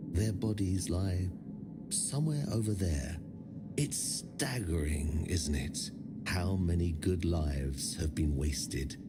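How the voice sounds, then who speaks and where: A male actor with a low voice plays a weary, haunted lone survivor in a dark fantasy game. The performance is brooding and theatrical, with phrases trailing off into hushed, breathy endings.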